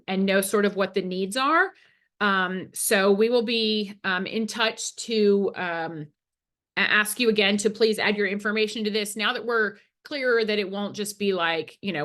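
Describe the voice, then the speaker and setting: A woman's voice: medium pitch, fairly bright tone. A woman giving a hesitant working group update at an online meeting, with many fillers.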